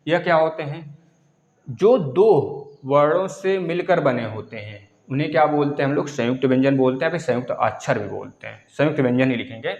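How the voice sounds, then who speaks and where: A man's voice: mid-range voice, fairly quick, muffled recording. A male teacher giving an online exam-prep lesson, explaining step by step and repeating key terms for students to write down. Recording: echoey room.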